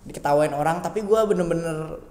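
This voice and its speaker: A young man with a fairly high, brisk voice guests on a casual podcast, telling his story as a school alumnus. He's an animated storyteller who acts out the people he quotes. The room is reverberant, with faint background noise.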